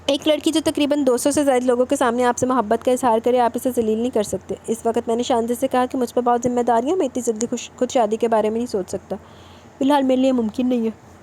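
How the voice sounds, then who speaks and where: A brooding young husband pleads his case in a romance audiobook, as a woman reading aloud voices him. He lectures earnestly and insistently, in a fairly high, mellow voice. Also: fairly even intonation, a little hiss or hum, natural voice. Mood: confessing.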